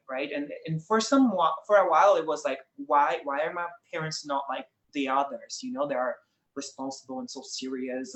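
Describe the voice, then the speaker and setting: Speaking in a fairly high, fairly bright voice, this young guest from Brazil talks earnestly and thoughtfully in casual conversation, laughing readily, with a Brazilian Portuguese accent. The recording is rough and reverberant.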